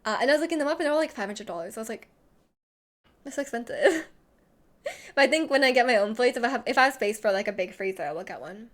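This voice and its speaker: Reading through chat, this young female streamer chats and rambles, leaning heavily on "like," with a slight lisp. She sounds animated, pitched on the high side, and moves at a quick pace.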